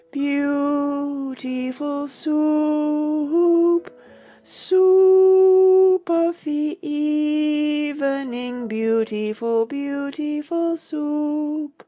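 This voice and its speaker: A woman's voice: high-pitched, mellow. A woman voicing a sad, sobbing male Mock Turtle in a dramatized audiobook, with a sighing, melancholy delivery. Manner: melancholy, sighing, slow and mournful.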